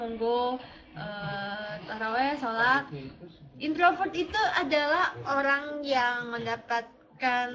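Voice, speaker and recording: A woman's voice: high-pitched, bright, forceful tone. A young woman with a Jakarta Indonesian accent and a slurred r, chatting playfully as she answers viewers on a casual livestream. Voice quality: slurred r (cadel). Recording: slightly dull lo-fi stream audio.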